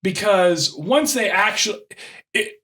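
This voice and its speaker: A man's voice: high-pitched, animated, measured pace, pushed and bright. A man co-hosting a podcast in casual chat, bemused and questioning as he reacts. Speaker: podcast co-host.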